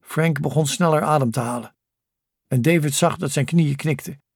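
A man narrating a novel as an audiobook in calm, even scripted storytelling. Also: fairly high pitch, moderate pace, gravelly, husky, dry recording, clean studio sound.

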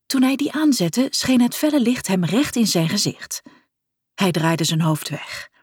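A woman narrating a story in a breathy voice, with wry, expressive delivery. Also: mid-range voice, a little slow, dry recording, clean studio sound. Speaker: audiobook narrator.

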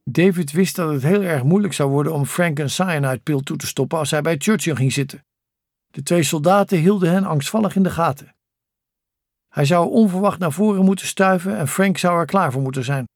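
A man narrating a novel as an audiobook in calm, even scripted storytelling. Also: fairly high pitch, fairly quick, dry recording, clean studio sound.

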